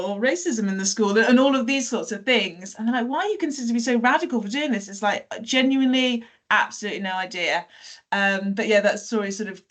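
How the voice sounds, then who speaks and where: Woman guest, mid-pitched, chatty and meandering, lots of ums and restarts. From South Wales. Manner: chatty, many fillers and self-corrections, light laughs. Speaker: teacher and podcast guest. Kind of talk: casual conversational storytelling.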